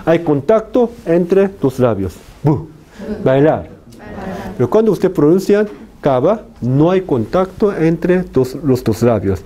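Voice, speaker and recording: A man giving a phonetics lecture, slowly repeating example words over and over. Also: fairly high pitch, expressive, mellow. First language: Korean. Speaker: university lecturer.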